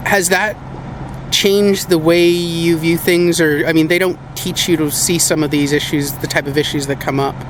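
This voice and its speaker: Man, conversational interviewer, pitched a little high, noisy urban outdoor recording. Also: fairly even intonation, normal speed. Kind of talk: casual interview questioning.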